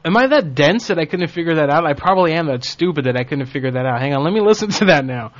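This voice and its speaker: A man's voice: fairly high pitch, animated, quick pace. A man hosting a prank-call show, chatting casually in a self-mocking way, laughing and swearing. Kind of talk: casual banter. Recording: dull lo-fi audio.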